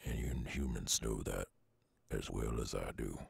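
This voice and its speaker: Deep, gravelly and growling, this exaggerated bass voice portrays a centuries-old male werewolf, gruff, resigned, guarded yet tender, for an intimate ASMR roleplay. He speaks in a halting Southern drawl with long brooding pauses, recorded dry with clean studio sound.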